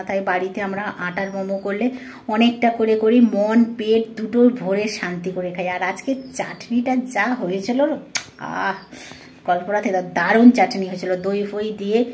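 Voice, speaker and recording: A woman's voice: mid-range voice, steady tone, normal speed, a little mellow, slight background noise. A middle-aged woman with a Bengali accent chatting through a cooking vlog from her home kitchen, talking to viewers like friends. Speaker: vlogger and housewife. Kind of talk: casual cooking vlog narration.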